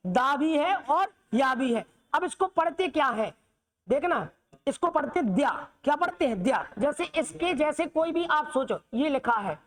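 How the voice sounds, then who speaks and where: A woman's voice: sits high, a bit bright. A woman teaching the Hindi alphabet in a classroom lesson, asking questions and answering them herself, often checking that students understand.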